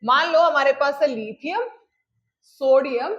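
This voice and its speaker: A high-pitched woman delivers a chemistry lecture, slowing down to dictate definitions and checking in with her students again and again. The recording sounds a little dull and lo-fi. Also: animated, a bit bright. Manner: checks in often with "clear?", calls students "beta"; mixes English phrases into explanations, dictates definitions slowly. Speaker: chemistry teacher. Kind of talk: classroom lecture.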